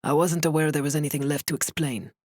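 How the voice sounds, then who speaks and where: Woman voices a reserved man, deep, clipped, indifferent; a dry audiobook read. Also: expressive, normal speed, husky, no room sound. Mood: cool. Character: cool, guarded young man with a clipped accent.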